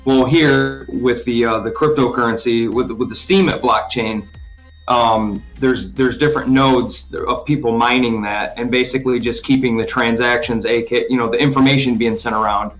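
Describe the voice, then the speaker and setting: A man's voice: mid-range voice, steady tone, normal speed. Rambling man explaining over faint music. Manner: rambling, many fillers and restarts. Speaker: podcast co-host explaining crypto. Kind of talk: casual chat.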